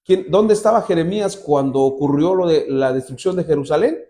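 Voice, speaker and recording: Male pastor preaching in church, a raised, warm voice with lots of swing, talks straight to the congregation. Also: on the high side, a little fast. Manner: lively storytelling, addresses the congregation directly. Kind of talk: sermon with Bible reading.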